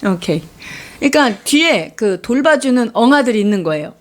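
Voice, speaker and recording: A woman's voice: a little high, sing-song, moderate pace. A woman interpreting a sermon live, explaining and restating each point with fillers.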